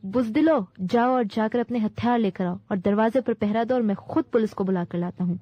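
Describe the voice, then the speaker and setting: A woman's voice: mid-range voice, no room sound, natural voice. A woman voicing a scheming nobleman whose words drip venom and who barks orders at servants. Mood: shouting. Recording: dull dry recording.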